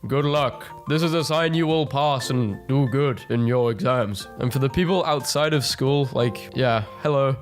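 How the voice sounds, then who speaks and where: A man reads pun memes aloud in an easy, joking way, and his voice sits at an ordinary middle pitch. He laughs at his own jokes and now and then drops into a quick silly voice. Soft music plays faintly behind him. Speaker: meme-reading video host.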